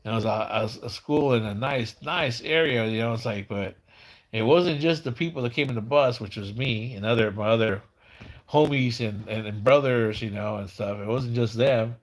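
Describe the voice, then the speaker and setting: A man in his fifties chatting casually as a live stream host, with slurred, mumbling speech as if his tongue were half numb, halting and repeating words. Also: mid-range voice. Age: 50s.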